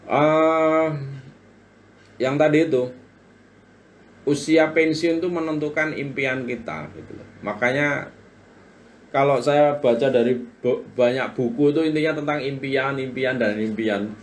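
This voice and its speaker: During a live-stream book talk, a business coach in his forties reads viewers' comments aloud and chats with them in an encouraging way. His voice sits at a medium pitch and stays steady, moving a little slowly with frequent pauses.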